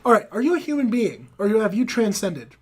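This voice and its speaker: A man's voice: high-pitched, very animated, brisk, background noise. A man co-hosting a casual podcast, joking and rambling, stumbling over his words. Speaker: podcast co-host. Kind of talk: casual chat.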